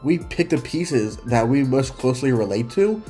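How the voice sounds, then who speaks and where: A man gives scripted film commentary in an earnest, opinionated tone. His voice sounds sick and a little hoarse. Faint music plays softly underneath. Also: medium pitch, animated, normal speed. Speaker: film commentary video host.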